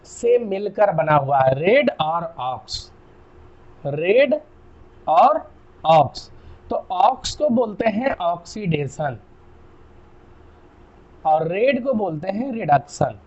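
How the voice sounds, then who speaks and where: A young Indian man with an Indian accent, giving a chatty chemistry lesson and often checking "clear?". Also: high-pitched, darkish tone, muffled recording. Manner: chatty, repeats key terms, asks "clear?". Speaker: chemistry teacher. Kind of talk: casual classroom lecture.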